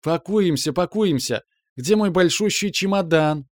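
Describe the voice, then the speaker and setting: A bubbly, gushing mother from an audiobook, her voice pitched well up and bright with excitement, as a male narrator puts her on. She chatters breathlessly and a touch louder than the narration around her. The recording is dry and close. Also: moderate pace, no echo, lightly acted. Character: excited, cheerful middle-aged mother.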